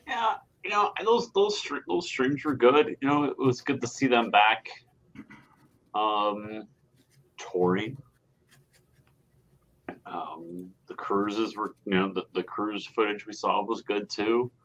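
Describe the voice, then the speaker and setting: Man, casual panelist, halting and easygoing, dull lo-fi mic with faint hiss. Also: lowish voice, a bit bright. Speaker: podcast panelist. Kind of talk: casual chat.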